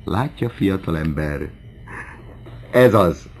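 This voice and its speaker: A man's voice: low-pitched, animated, breathy edge, exaggerated voice. A man reading an audiobook, voicing a sly, sardonic forty-year-old man who drawls his mocking remarks theatrically. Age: 40s.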